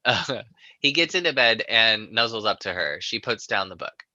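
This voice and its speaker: A man's voice: on the low side, expressive, moderate pace, bright, forceful tone, no echo, muffled recording. A man narrating stage directions in a live screenplay reading.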